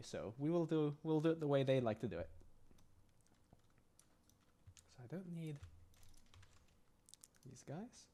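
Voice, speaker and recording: A slightly hoarse man who is losing his voice, thinking aloud in a halting, self-muttering way as he works through scripts on a live stream. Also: mid-range voice, darkish tone. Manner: halting, restarting, muttering to himself. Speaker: game modder live streaming.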